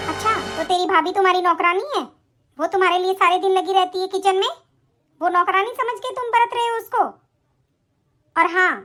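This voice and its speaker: A woman voicing a stern mother who scolds her daughter and preaches about duty in an animated story. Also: very high voice. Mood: scolding. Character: stern moralizing mother of grown children.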